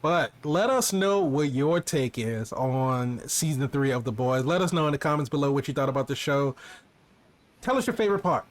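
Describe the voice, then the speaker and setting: A man's voice: medium pitch, moderate pace, few pauses. A man co-hosting a casual TV review podcast, laughing easily and running through the sign-off requests. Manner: relaxed, laughs easily, runs the outro. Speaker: podcast co-host.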